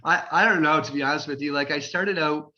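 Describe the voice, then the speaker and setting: A man in his forties tells stories in a casual interview, upbeat and full of fillers. His voice sits a bit high and rings bright and forward. The recording sounds dull and lo-fi. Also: a little fast. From Canada. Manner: chatty and upbeat, heavy with fillers and restarts. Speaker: realtor and community developer guest. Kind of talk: casual storytelling interview answers.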